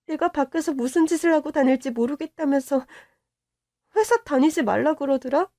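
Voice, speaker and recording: A hurt, subdued young wife, played by a woman in a radio-drama story, confiding to her mother in a quiet, resigned telling. Her voice sits high, and the recording is dry and close. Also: moderate pace, no echo. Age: young adult.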